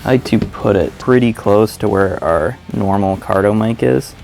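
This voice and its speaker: A motovlogger with a lowish, gravelly, slightly mellow voice walks through a how-to video step by step at a moderate pace. His narration is casual, informal and plain-spoken.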